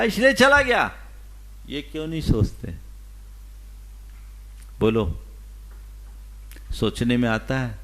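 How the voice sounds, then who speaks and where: A man who is a Jain monk, preaching slowly and emphatically, his voice swinging between loud and soft. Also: on the high side. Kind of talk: sermon.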